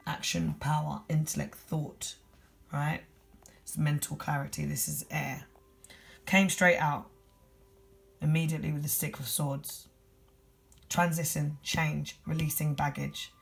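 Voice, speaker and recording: This general tarot reading comes from a tired reader with a London accent, whose husky mid-range voice has a fairly bright tone. She talks quickly and without softening anything.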